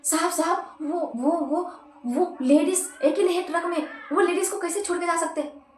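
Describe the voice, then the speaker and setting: Woman voicing a nervous young truck helper, stammering pleas, high voice, echoey room. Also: normal speed, darkish tone, slight background noise. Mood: anxious. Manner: pleading, stammering questions. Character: timid young male truck helper, anxious.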